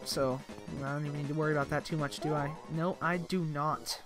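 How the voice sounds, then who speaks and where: A man's voice: fairly high pitch, steady tone, a little fast. A tired young man rambling in casual commentary while playing a video game, filling his talk with "like". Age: young adult. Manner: rambling, tired, says "like" constantly. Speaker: let's play commentator. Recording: game music playing behind.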